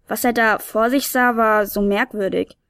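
A woman reads a storybook aloud in a calm, even manner. Her voice sits a little high. The recording is close and dry, with no room around it. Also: normal speed, no echo. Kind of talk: scripted storybook narration.

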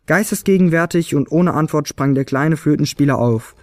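A man narrating a children's Christmas story in a lively, expressive reading. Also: fairly high pitch, normal speed, no echo.

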